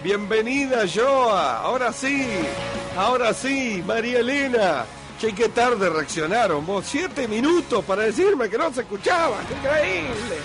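Uruguayan male morning radio host, high voice, easygoing chatter, faint music behind. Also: expressive, a little slow. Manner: chatty, thanks listeners by name, fusses over sound levels. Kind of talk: casual morning radio chat.

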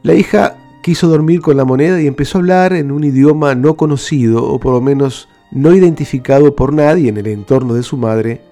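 A man hosting a radio program, calmly telling stories and reading out letters from listeners. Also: medium pitch. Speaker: radio host.

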